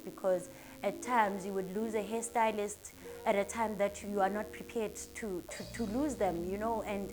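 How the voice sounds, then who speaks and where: Earnest South African woman in her thirties. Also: mid-range voice. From Durban, South Africa. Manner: earnest, upbeat and motivational. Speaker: salon owner. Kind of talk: casual interview answers.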